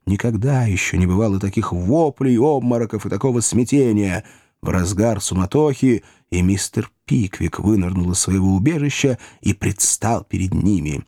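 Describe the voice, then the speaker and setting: A man narrating a classic novel with a theatrical, animated delivery and a gravelly texture. His voice sits a little high and the sound is dry and close. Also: normal speed, no echo. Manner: lively, theatrical reading. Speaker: audiobook reader. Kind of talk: expressive scripted narration.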